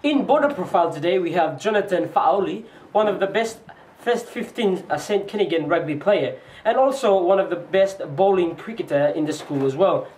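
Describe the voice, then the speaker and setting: A teenage boy with a New Zealand accent hosts an amateur school show in stiff, formal interviewer phrases. His voice sits notably high. He sounds set back from the mic in an echoey room. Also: animated, normal speed, darkish tone, far from the mic, faint music behind. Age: teens. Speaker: student host of a school boarding-house show.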